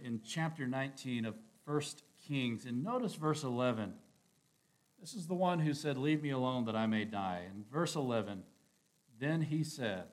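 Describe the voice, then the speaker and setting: A man delivers a sermon at a middle pitch, reading scripture aloud and adding his own commentary. He drops to slow, hushed phrases, then climbs to loud, emphatic peaks. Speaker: preacher.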